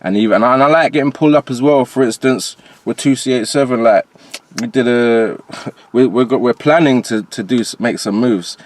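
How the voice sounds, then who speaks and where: Talking fast with few pauses, this mid-range male voice belongs to a rapper being interviewed, relaxed and slangy. He was born in Jamaica, moved to England later, and has a transatlantic accent.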